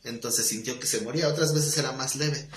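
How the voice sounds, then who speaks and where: A man's voice: mid-range voice, fairly quick, echoey room, a little hiss or hum. A man teaching a Bible study class in a conversational way, telling stories with acted dialogue and asking the class questions.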